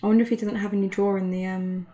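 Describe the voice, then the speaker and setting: This is a young woman in her twenties doing relaxed commentary on a card tournament game. Her talk is chatty and full of fillers, and giggles come easily to her. Her voice sits at an ordinary middle pitch for a woman. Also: very fast. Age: 20s. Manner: giggly, chatty, laughs often. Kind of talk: casual live match commentary.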